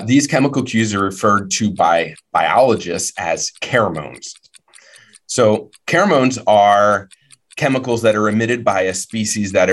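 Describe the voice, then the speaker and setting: A man's voice: low-pitched, fairly bright tone. A man. He speaks as a panelist, casually laying out scientific research.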